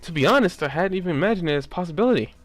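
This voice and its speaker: A man's voice: sits high, racing, no echo, soft background music, pitched above the performer's own voice. Man playing a probing game lawyer. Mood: surprised. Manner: questioning, expressive.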